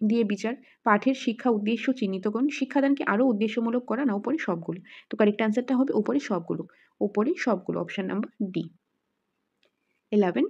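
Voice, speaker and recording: A woman's voice: on the high side, mellow, breathy edge, highs cut off. A woman teacher runs through exam questions, reading out the options, then restating each answer and mixing in English words. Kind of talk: quiz-style exam lesson.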